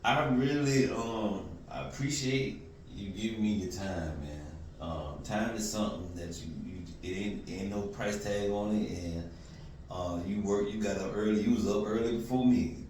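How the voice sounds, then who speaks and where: Deep-voiced easygoing male host. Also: darkish tone. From Florida. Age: 40s. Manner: easygoing, slangy, drawn-out fillers. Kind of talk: casual interview. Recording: echoey room, distant mic, faint noise.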